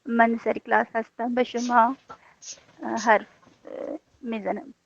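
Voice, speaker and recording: A woman with a somewhat high voice answers softly and hesitantly, pausing to find words. The sound is lo-fi. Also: flat delivery, creaky, slight background noise. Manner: hesitant, soft, with pauses. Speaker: student. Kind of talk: classroom practice dialogue.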